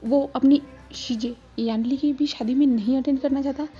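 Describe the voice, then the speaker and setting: A woman's voice: sits high, steady tone, normal speed, lightly acted. A woman voicing a stern older grandmother figure who scolds and demands answers. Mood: indignant. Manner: indignant, scolding. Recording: slightly dull with soft music.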